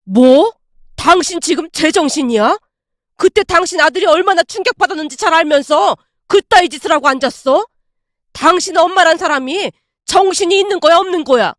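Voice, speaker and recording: A woman's voice: high voice, expressive, brisk, a bit bright, no echo, studio quality. A woman voicing a stern older father-in-law who scolds his wife. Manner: stern, demanding.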